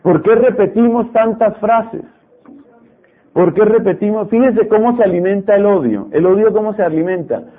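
An animated man delivers a sermon, repeating phrases and acting out stubborn voices. His voice sits high and sounds husky. It comes through a narrow, tinny radio broadcast. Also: moderate pace. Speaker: preacher.

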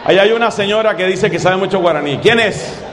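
Emphatic high-voiced preacher in an echoey hall. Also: male voice, a bit bright. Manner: emphatic, repeats phrases slowly for effect. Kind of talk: sermon to a live congregation. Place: large church hall with audience. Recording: echoey hall with crowd noise.

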